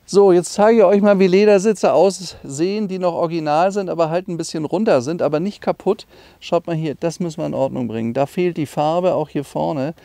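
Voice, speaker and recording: A middle-aged classic car dealer gives an informal, enthusiastic walkaround of a car, explaining its details conversationally. His voice is fairly high and warm, fairly quick, with no echo.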